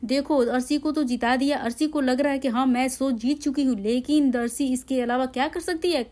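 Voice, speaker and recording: A woman with a high voice gives chatty updates on a television serial. She talks straight to her viewers as friends, often restarting her words mid-sentence. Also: fairly even intonation, a little fast, darkish tone. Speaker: TV serial gossip presenter.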